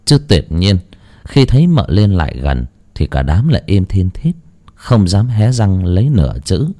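A man's voice: deep voice, big pitch swings, normal speed, dark tone. A man narrating a horror tale in a dramatic storytelling manner.

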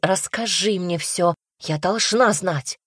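A woman voicing a pushy, excitable young sister who presses questions in a higher, raised voice. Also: slow pace, husky, dry recording, clean studio sound, heavily acted. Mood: pressing. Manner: insistent, raises voice.

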